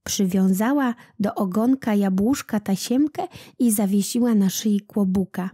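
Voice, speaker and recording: A woman reading a children's legend aloud, taking each phrase slowly and deliberately. Her voice is mellow and soft-edged. The recording is dry and close, with no room echo. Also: medium pitch, husky. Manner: slow, deliberate storytelling. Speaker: narrator, audiobook reader.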